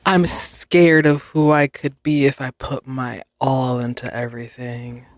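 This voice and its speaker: A woman's voice: very deep voice, level tone, a little slow, no room sound. A young woman hosting a casual solo podcast, rambling, interrupting herself and swearing freely. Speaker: podcast host.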